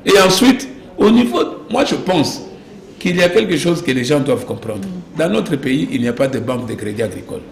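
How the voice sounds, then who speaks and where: A man from DR Congo with a Congolese French accent speaks insistently as a guest in a political interview, repeating phrases and firing off rhetorical questions. His voice is fairly high, expressive and fairly quick. The room echoes noticeably and background noise is clearly audible.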